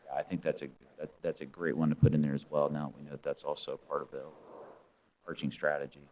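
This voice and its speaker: A man's voice: very deep voice, flat delivery, quick pace, darkish tone, muffled recording. A man on a board committee giving earnest remarks in a formal meeting, repeating words as he starts his points.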